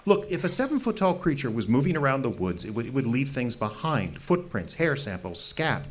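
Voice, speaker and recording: In an audio drama, a male actor with a husky, mid-range voice plays a fanatical fringe researcher living wild in the woods. He stammers and pleads, earnest and insistent, in a very animated, brisk delivery.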